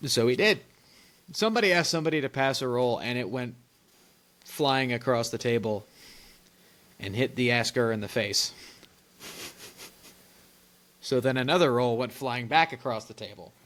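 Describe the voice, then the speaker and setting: Animated young man telling stories. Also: medium pitch, normal speed, long pauses. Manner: animated storyteller, laughs often, rambling restarts. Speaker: podcast co-host. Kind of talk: casual chat, storytelling.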